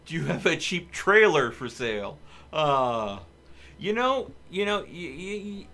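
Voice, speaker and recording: A man hosts a laid-back game livestream, chatting and rambling as he thinks out loud. His voice sits a little high and has a sing-song lilt, with a slightly slow, pushed, bright delivery.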